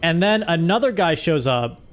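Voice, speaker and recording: A man's voice: on the high side, animated, normal speed, soft background music. A man streaming live, recapping a story in a rambling, joking way. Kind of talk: casual live-stream chat.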